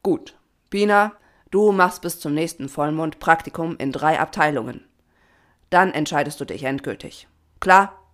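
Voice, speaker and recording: A woman voicing a stern, proud male piranha police chief who barks his orders loudly. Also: low-pitched, unhurried. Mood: angry scolding. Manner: loud commanding barking.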